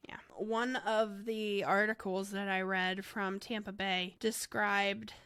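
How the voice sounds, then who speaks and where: A woman hosts a casual podcast, explaining a dark history to her co-host. Her delivery is loose and chatty, full of little fillers, with an even, middle-pitched voice. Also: slow pace, smooth. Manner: recounts dark history conversationally, filler-heavy.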